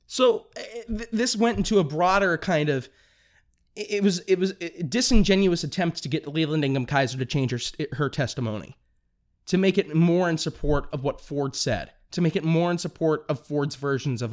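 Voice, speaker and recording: A young man hosting a political commentary podcast, talking fast and excitably, tripping over his words and restarting sentences. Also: a little high. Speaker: podcast host.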